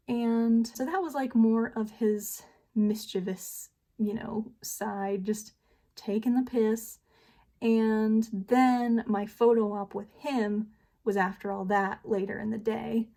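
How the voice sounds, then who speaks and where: A woman's voice: fairly high pitch, fairly even intonation, takes it slowly, dark tone. A young American woman vlogging at home, telling a story in a chatty, self-deprecating way with frequent laughs while she does her makeup. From United States. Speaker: beauty vlogger.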